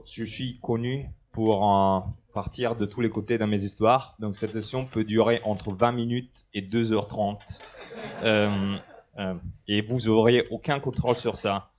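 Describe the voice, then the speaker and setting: On stage in a large indoor conference hall, an Italian man in his 30s, a native Italian speaker, presents a technical talk through a headset mic. His voice is lowish, and he's easygoing and joking, with many hesitations.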